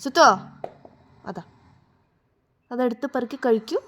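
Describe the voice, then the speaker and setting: A mother in a casual home vlog, gently coaxing her small child and patiently repeating the same questions. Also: a little high, a little slow. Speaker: mother vlogging with her toddler.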